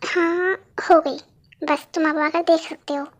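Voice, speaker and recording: A woman's voice: very high-pitched, fairly even intonation, a little slow, very noisy. A woman as a touchy, pouting young painter.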